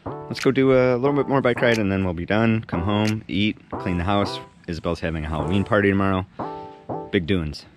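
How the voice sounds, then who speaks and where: With a voice on the low side and a slightly quick delivery, a man in his forties vlogs casually about cooking and cycling. He teases himself as he moves from his kitchen to a road bike outdoors, recorded on an action camera fixed to the bike or held close, with music underneath.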